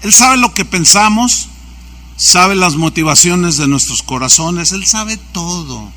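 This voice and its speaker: Male pastor, high bright voice, storytelling sermon style. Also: expressive, slow. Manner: anecdotal, acts out quoted dialogue.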